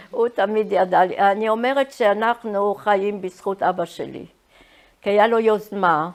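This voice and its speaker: Elderly woman recounting her life haltingly. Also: medium pitch. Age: 80s. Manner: halting, searching for words. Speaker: Holocaust survivor giving testimony. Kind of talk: personal reminiscence, storytelling.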